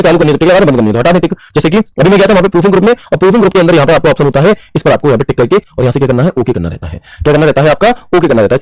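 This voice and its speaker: A man teaching a computer lesson, talking very fast in a fairly high voice. He keeps asking the class questions and answers them himself, dropping English terms into his explanations. The recording is dry and close, with no room sound. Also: dry recording, rough recording. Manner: mixes English terms into Hindi, calls students bhaiya. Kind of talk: screen-share tutorial lesson.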